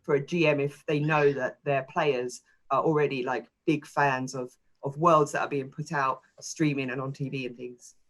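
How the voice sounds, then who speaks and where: A woman chatting on a panel, talking easily and filling her sentences with little pauses. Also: rumbling low, fairly even intonation. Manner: chatty, with frequent fillers. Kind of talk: panel discussion.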